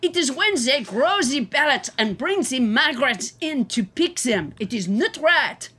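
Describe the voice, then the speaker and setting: A woman's voice: high voice, big pitch swings, measured pace, fairly bright tone, husky, full character voice. A woman voicing a crude, boastful male president in a comedy press conference parody, blunt and pompous. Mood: smug, dismissive.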